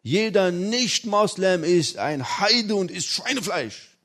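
A man's voice: high voice, animated, slow, fairly bright tone, pitched above the performer's own voice, heavily acted. A man doing his fervent, stern old father. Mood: indignant.

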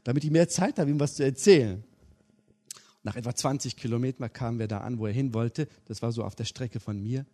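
Middle-aged guy preaching, husky voice, goes quiet and intimate then loud and emphatic, keeps asking the crowd stuff. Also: mid-range voice, fairly quick. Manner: swings between hushed intimate telling and loud emphatic preaching; addresses listeners directly with questions. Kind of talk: sermon with storytelling.

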